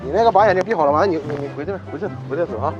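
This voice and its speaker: A man's voice: on the high side, lively intonation, rapid-fire, dull audio. A man hosting a prank video outdoors at the seaside at night, teasing and stammering with many repeats. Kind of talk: casual prank talk. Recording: loud music over the voice.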